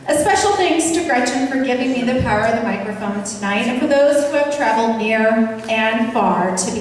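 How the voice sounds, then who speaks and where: A woman's voice: high-pitched, distant mic. A woman giving a humorous, informal wedding toast speech, joking and tossing asides to the guests. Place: large indoor wedding reception room. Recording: echoey hall over microphone, crowd behind.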